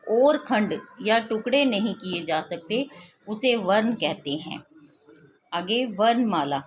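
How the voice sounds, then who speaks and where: A woman teacher explaining a grammar lesson, pausing to give examples. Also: mid-range voice, slight background noise. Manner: slow, explanatory, gives examples. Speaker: school teacher.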